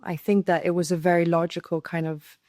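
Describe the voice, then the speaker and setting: A woman's voice: fairly low pitch, flat delivery, a little fast, dark tone, no room sound. Earnest young woman from Syria. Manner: earnest, many restarts and repeated words. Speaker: podcast guest. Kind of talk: conversational interview storytelling.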